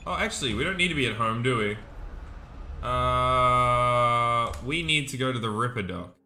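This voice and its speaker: A young man chatting excitably while commentating his own gameplay, laughing often. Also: mid-range voice, moderate pace, faint music behind. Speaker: gaming streamer.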